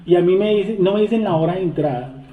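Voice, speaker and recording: A Torah teacher speaks quickly in a high voice, reading verses to his study group and asking them rhetorical question after rhetorical question. Everything comes through with a tinny, phone-like echo.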